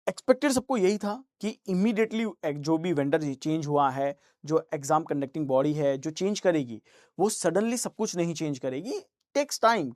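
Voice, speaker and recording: A man's voice: a little high, a little mellow, dry recording, clean studio sound. A man teaching an online reasoning class, answering students' chat questions in a reassuring, coaxing way and slipping English phrases into his talk.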